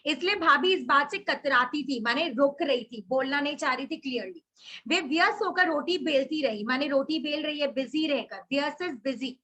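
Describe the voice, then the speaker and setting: Young female tutor, high and bright, reads then explains each line. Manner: reads text aloud then explains in mixed Hindi and English. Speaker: teacher. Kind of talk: line-by-line literature lesson.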